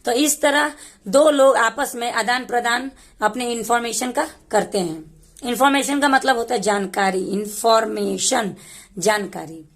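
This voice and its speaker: A woman teaching English who reads phrases slowly and explains each word in Hindi. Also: on the high side, a bit bright. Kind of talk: slow explanatory lesson.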